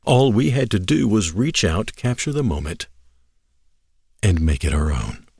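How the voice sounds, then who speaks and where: A man narrating a written story expressively, in measured, dramatic short phrases. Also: fairly low pitch, sing-song, gravelly, a little mellow, slightly rough, dry recording, clean studio sound.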